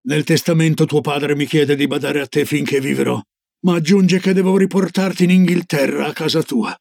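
A man reading an old Norwegian grandmother in a storybook, slow and low, with a gravelly, husky voice. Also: fairly even intonation, a little mellow, dry recording, studio quality. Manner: slow, low, solemn warnings.

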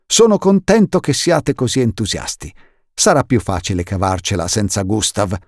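A man's voice: lowish voice, very animated, moderate pace, no room sound, studio quality. A man voicing a jolly, enthusiastic uncle who is a snake scientist, exclaiming eagerly in an audiobook reading. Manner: exuberant, warm, exclaiming. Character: jolly enthusiastic older male herpetologist uncle.

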